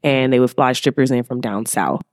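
A woman's voice: a bass voice, moderate pace, a little mellow, no room sound, clean studio sound. An American woman from Oakland with a Bay Area accent, chatting casually and slangily as a podcast guest. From Oakland, California. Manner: laid-back, slangy. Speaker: podcast guest, music artist. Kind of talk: casual chat.

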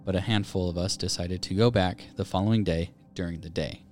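Man, very low voice, podcast co-host, storytelling read, faint music behind. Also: brisk. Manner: reads aloud in a steady storytelling way. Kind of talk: casual chat and reading listener stories.

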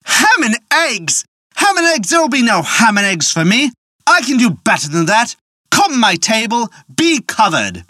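A storyteller playing a boastful young man in a folk tale, exclaiming in a high, excited way. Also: measured pace, no room sound, studio quality. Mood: indignant.

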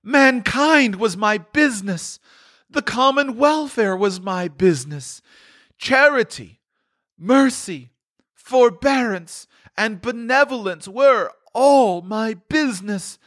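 A tormented old ghost dragging his chains, his voice pitched high and strained as he wails out his regrets in long, drawn-out lines, as a male narrator puts him on. The sound is close and dry, with no room around it. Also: fairly bright tone, no room sound, exaggerated voice. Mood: mournful. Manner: declaiming, drawn-out lament.

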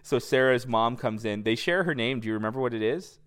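A man's voice: mid-range voice, quick pace, a bit bright, smooth. Casual man chatting as a podcast co-host. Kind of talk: casual TV recap chat.

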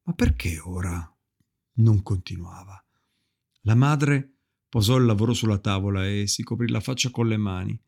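A man narrating an audiobook in a calm, measured storytelling manner. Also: fairly low pitch, creaky. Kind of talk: audiobook reading.

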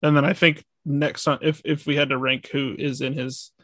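A man's voice: medium pitch, level tone, moderate pace, a bit bright, dry recording. A young man co-hosting a casual podcast chat, hedging and restarting his thoughts with lots of "like". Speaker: podcast co-host.

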